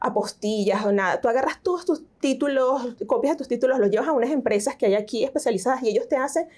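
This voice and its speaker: Woman, higher voice, explaining. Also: quick pace, darkish tone. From Venezuela. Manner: explanatory, step by step, with fillers and English school terms. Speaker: guest, teacher. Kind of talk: interview conversation.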